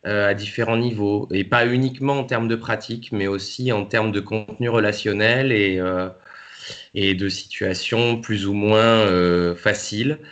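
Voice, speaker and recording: A man being interviewed as a novel's co-author, speaking haltingly with many fillers and restarts. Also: lowish voice. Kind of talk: hesitant conversational interview.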